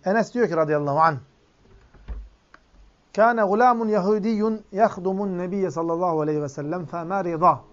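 Man, preacher, sermon lesson, recites Arabic then explains, talks to listeners as friends, somewhat high voice, dull lo-fi sound. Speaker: Islamic preacher. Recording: dull lo-fi recording.

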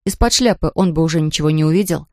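Woman, storybook narration, expressive, dry close sound. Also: sits low, fast, no room sound. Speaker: audiobook narrator.

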